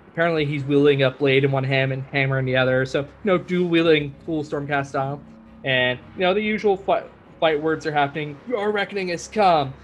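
A man's voice: mid-range voice, a little hiss or hum. A man hosting a podcast and recapping a story in a casual, chatty way with many fillers. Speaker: podcast host.

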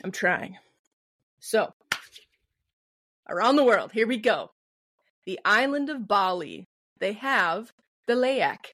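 With a Midwestern American accent, this woman co-hosts a podcast, telling casual, comedic stories in a giggly, playful way and acting out quotes. Her medium-pitched voice is animated and fairly bright, delivered slowly with long pauses, and a little hiss or hum sits under the audio.

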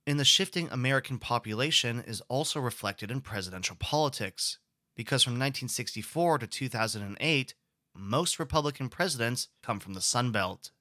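A man's voice: mid-range voice, expressive, a little fast, bright, forceful tone, no room sound, clean studio sound. A man giving a recorded history lecture in an explanatory way, posing rhetorical questions to the class.

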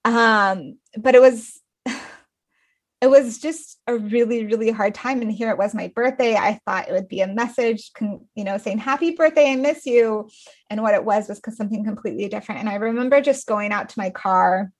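A woman's voice: mid-range voice, fairly even intonation, normal speed. A woman in her thirties, a guest author in a podcast interview, telling a personal story in an earnest, emotional way with many restarts and fillers. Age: 30s.

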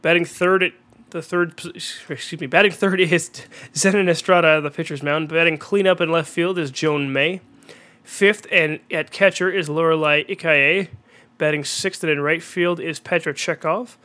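A young man with a cold, sounding congested and clearing his throat, hosting an excitable amateur commentary on a baseball video game. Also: fairly high pitch, moderate pace. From Minnesota. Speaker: host and play-by-play announcer.

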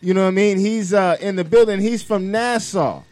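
A man hosting a casual radio interview, relaxed and friendly, calling guests bro and homie. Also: sits high, moderate pace, soft background music. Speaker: host.

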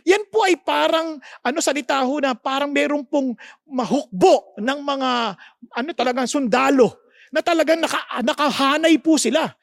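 A Filipino woman preaches a sermon mixing Tagalog and English, asking her listeners rhetorical questions and explaining words with emphasis. Her voice is high and gravelly at normal speed, recorded dry and at studio quality for a podcast.

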